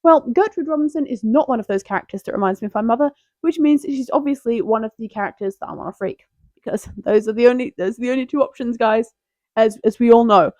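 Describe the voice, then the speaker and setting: A young woman hosting a casual, rambling tier list video, playful and quick to interrupt herself with jokes. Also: on the high side, a little mellow, dry recording. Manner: playful, self-interrupting, jokey.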